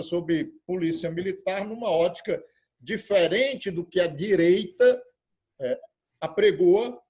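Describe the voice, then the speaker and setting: A man's voice: high voice, darkish tone, husky. A man with a Brazilian Portuguese accent hosting an online interview, introducing his guest with frequent hesitations and filler sounds. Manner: halting, many filler sounds. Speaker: interviewer and host.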